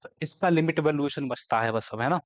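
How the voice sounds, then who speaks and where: A man teaching a maths lecture, explaining step by step and asking and answering his own questions. He slows right down whenever he dictates a formula. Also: a little high.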